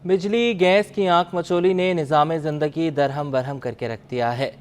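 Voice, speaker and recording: Male anchor, brisk formal bulletin reading, slightly high voice, faint background noise. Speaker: news anchor.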